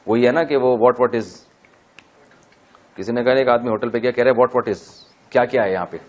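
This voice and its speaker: A man teaching Quran grammar in a class, explaining step by step, asking and answering his own questions, and chanting verses slowly. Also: medium pitch. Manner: chanted slow Arabic verse recitation. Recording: dull lo-fi recording.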